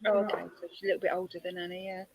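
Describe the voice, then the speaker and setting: A woman's voice: lowish voice, flat delivery, racing, a little hiss or hum. A woman with a South London accent in casual group chat, chatty and blunt. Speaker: chat participant.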